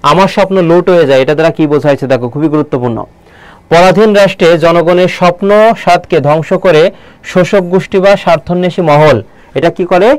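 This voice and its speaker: A man teaching a live online Bangla lesson, keeps asking the viewers questions and slows down to read poem lines aloud. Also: fairly high pitch, darkish tone, clear, resonant tone, no room sound. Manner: quizzing viewers with repeated questions.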